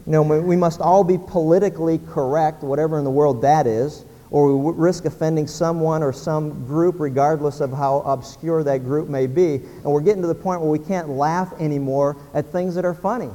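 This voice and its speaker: A man's voice: a little high, steady tone, normal speed, hardly any pauses, dark tone, long reverb tail. A man preaching a sermon, telling jokes and acting out their characters. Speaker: pastor.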